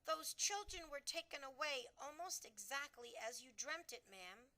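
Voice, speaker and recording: A woman's voice: high voice, a little slow, pushed and bright, pitched above the performer's own voice. A woman voicing an oldish female maid who speaks deferentially with a quivering voice in a storybook reading. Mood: urgent.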